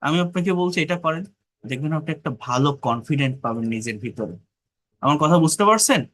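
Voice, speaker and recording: English tutor, Bengali-man, slightly high voice, slow repeated reading then brisk coaching. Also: expressive, fairly bright tone. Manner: slow, repeats phrases while reading dialogue. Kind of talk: online English class.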